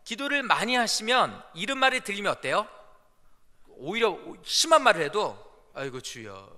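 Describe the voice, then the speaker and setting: This pastor's voice sits high, and he keeps a moderate pace through his Sunday sermon. The church hall echoes around him while he brings his stories to life, performing each quoted line.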